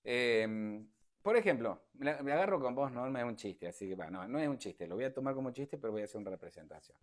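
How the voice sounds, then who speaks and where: A man's voice: mid-range voice, animated, quick pace. A man giving an informal lecture to an online audience over a video call, talking in a repetitive, emphatic, conversational way. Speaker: speaker giving a talk.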